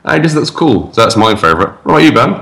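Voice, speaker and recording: A man's voice: on the low side, very animated, racing, fairly bright tone. An Englishman co-hosting a casual tabletop gaming chat, joking and chatty. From England. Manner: jokey, chatty. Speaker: podcast co-host. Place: home studio in Brooklyn. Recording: roomy echo.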